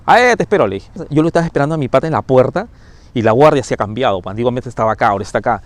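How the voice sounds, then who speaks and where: A man's voice: medium pitch, racing, no echo. A man, a firefighter paramedic telling his own ghost story, acting out the scenes with sound effects and little asides. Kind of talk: first-person ghost story told on camera.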